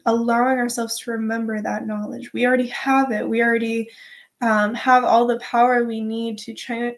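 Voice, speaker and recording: A woman speaking unscripted as a channeler guest in a spiritual interview, earnest and drawing out words for emphasis. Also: a little high.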